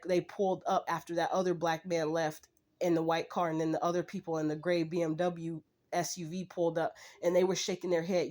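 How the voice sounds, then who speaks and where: A woman's voice: on the low side, a little mellow. A woman ranting to her vlog audience in a profane, heated, blunt way. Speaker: channel host. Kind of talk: angry personal rant vlog.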